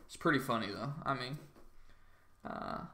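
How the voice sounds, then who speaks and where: On a trading livestream, a groggy young man with a mid-range, pushed, bright voice talks at normal speed. His casual chat with viewers drifts around and is thick with "um" and "like."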